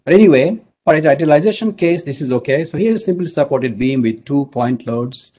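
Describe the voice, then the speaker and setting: This middle-aged engineering professor from Bangladesh lectures online, speaking deliberately and leaning on many filler words. His pitch runs on the high side, and his delivery is expressive and mellow.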